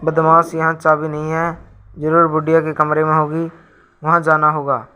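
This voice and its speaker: A man's voice: on the high side, monotone, normal speed, bright, forceful tone, clean tone, highs cut off. A man voicing a sly, clumsy thief who mutters to himself. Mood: grumbling.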